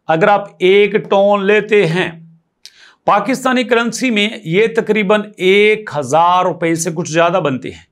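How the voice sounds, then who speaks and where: A man talks viewers through a screen tutorial in a voice-over. He tallies numbers step by step, repeats his points and keeps urging them to listen closely. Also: sits high. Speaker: crypto tutorial YouTuber.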